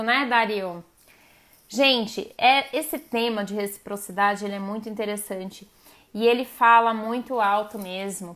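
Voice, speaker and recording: A woman talks casually to her live-stream viewers, her voice sitting a little on the high side. She speaks straight to her audience in a warm, conversational way and acts out the voices of the people she quotes. The sound is close and clear, like a computer or phone mic.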